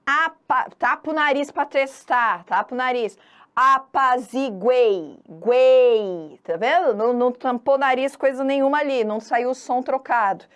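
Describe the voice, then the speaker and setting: A woman's voice: high voice, moderate pace, few pauses, fairly bright tone, clean tone. A woman from Brazil giving an online exam-prep grammar lesson in a chatty, teasing way, drawing out syllables to stress a point. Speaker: Portuguese teacher.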